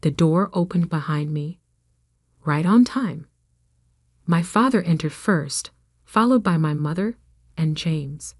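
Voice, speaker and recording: A woman narrates a dramatic revenge story in a measured, steady way. Her voice sits a little low and sounds dry and close, with no room around it. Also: no room sound. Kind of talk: scripted first-person story narration.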